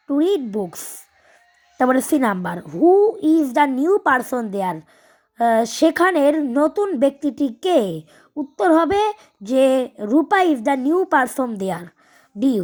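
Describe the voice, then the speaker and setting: A woman teaching a video lesson, explaining carefully with frequent hesitations and reading English lines slowly. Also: high-pitched.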